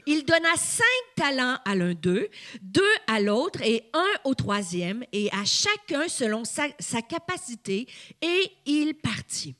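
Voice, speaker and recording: A woman's voice: high voice, big pitch swings, takes it slowly, fairly bright tone. A woman in her fifties with a Québécois accent, preaching a sermon and calling on the congregation to respond. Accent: Québécois French. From Quebec. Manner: emphatic, calls on the congregation to respond. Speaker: guest preacher.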